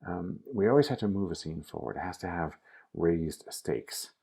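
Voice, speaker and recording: Low gravelly male drama coach, relaxed and instructive. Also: normal speed. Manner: casual instructive, addresses the student directly. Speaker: acting teacher. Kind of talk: recorded acting lesson.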